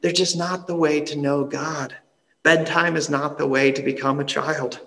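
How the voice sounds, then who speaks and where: A male pastor giving a sermon in an earnest, conversational way, often dropping soft and slow for emphasis. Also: a little high, fairly even intonation, creaky, long reverb tail, rough recording.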